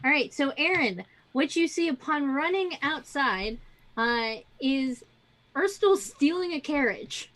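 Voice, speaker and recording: A woman narrating casually as dungeon master, relaxed and halting, with many fillers. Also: sits high, poor audio.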